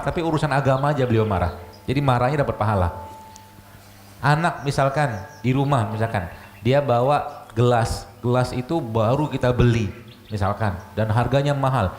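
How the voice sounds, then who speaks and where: A man, a doctor giving a religious health lecture, chatty and full of rhetorical questions. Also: mid-range voice. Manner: conversational, rhetorical questions, frequent "gitu loh" asides. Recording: echoey room, faint ambient noise.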